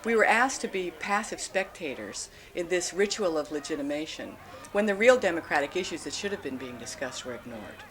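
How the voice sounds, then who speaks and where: Earnest documentary narrator, lively pitch. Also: brisk, a little hiss or hum.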